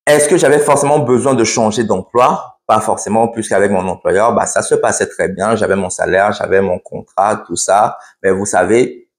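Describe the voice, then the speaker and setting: A man with a lowish voice vlogging in a blunt, matter-of-fact way, often restarting his sentences. His voice echoes noticeably around the room he records in. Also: moderate pace, hardly any pauses. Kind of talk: casual explainer vlog.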